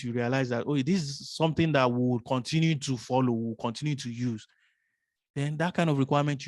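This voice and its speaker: A man's voice: mid-range voice, darkish tone, no room sound, studio quality. A man teaching a business analysis course, explaining step by step, asking rhetorical questions and often adding "right?". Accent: non-American English.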